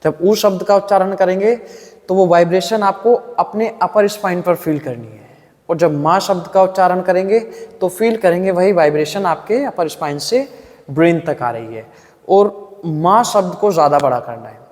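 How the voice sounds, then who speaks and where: A man leads a yoga breathing lesson in a calm, patient voice, explaining each step and demonstrating the breaths and hums aloud. His voice sits fairly high for a man. A long reverb trails after his words. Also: normal speed. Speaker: yoga instructor.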